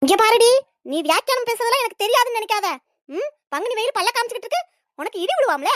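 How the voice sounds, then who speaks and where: A woman doing a shrill bossy old mother-in-law. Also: expressive, very fast, no room sound, clean studio sound. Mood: scolding. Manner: shrill nagging, sly. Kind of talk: cartoon comedy voice acting.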